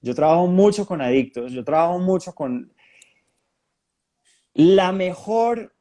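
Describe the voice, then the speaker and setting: Man, higher-pitched voice, spiritist talk, lively storytelling, restarts phrases. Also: slow. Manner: animated storytelling with frequent restarts. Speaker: spiritist talk speaker and hypnotherapist. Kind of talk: testimonial talk to an audience.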